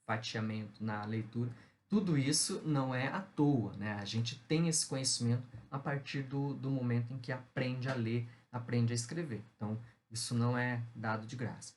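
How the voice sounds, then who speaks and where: A man's voice: medium pitch, normal speed, darkish tone, a little hiss or hum. A middle-aged man with a Brazilian Portuguese accent, giving a recorded university lecture in an explanatory tone with frequent fillers.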